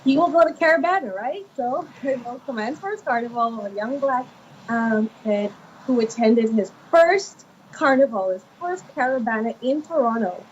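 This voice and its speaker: A woman from Guyana in her thirties talks animatedly about her children's books, with plenty of ums and restarts. Her voice sits fairly high. The recording is muffled and lo-fi, with a faint hiss behind her. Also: moderate pace. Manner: animated storyteller, many fillers. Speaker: children's author. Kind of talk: conversational interview.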